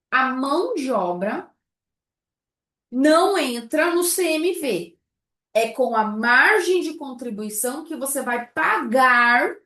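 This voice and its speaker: A woman teaching a live online class, keeping up a lively run of rhetorical questions to her students. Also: high-pitched, roomy sound. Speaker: baking business instructor.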